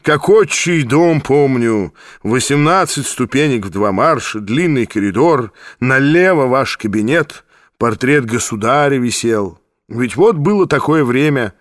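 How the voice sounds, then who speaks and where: A man's voice: mid-range voice, lively intonation, unhurried, dry recording, clean studio sound, natural voice. A man voicing a lyrical, dramatic former stage actor who lingers over his words. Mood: theatrical wistful. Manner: theatrical, lingering.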